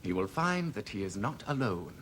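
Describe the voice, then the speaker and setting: A cold scheming heir. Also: male voice, on the low side, sing-song, moderate pace, slight background noise. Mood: menacing. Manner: menacing, contemptuous, sharp outbursts. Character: scheming, cold-blooded heir plotting murder. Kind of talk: 1950s film drama acting.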